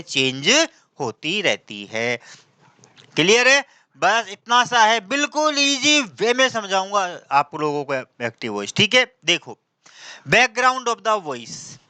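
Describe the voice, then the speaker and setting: A man's voice: sits high, pushed and bright, clear, resonant tone, no room sound. A male teacher giving an exam-prep grammar lesson, asking questions and answering them himself, with lots of repetition.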